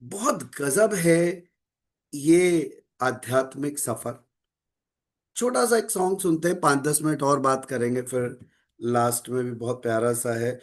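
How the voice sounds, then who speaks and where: Calm man giving a spiritual talk. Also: medium pitch. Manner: calm, measured, mixes Hindi with English phrases. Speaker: spiritual speaker.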